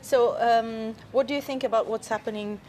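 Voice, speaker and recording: A woman interviewer asking quick, pressing questions from off-mic. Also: a little high, steady tone, darkish tone, a little hiss or hum.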